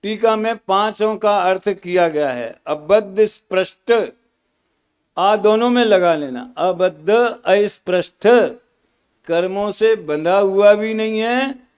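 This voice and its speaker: High, smooth-voiced male scripture teacher. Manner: patient explaining with homely examples and acted-out quotes; measured, repeats key terms. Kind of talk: scriptural lecture at a study camp.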